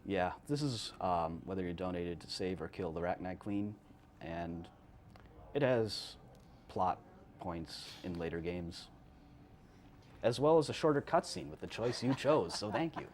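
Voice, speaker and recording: A man's voice: deep voice, animated, a little slow, a little mellow, slight background noise. A man playing a game live and talking casually about it in a dry, offhand way. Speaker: speedrunner. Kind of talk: casual commentary while playing.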